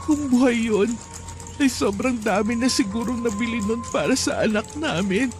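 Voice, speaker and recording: A man's voice: very high voice, normal speed, faint music behind, pitched above the performer's own voice. A man voicing a young pregnant widow who speaks in a tearful, pleading way.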